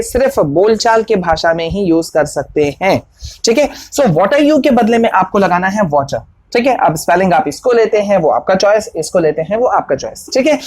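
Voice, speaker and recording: A woman teaching a spoken-language lesson, patiently explaining and repeating example sentences slowly word by word. She talks straight to viewers and checks in with them often. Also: medium pitch, darkish tone, low-quality recording. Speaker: English teacher.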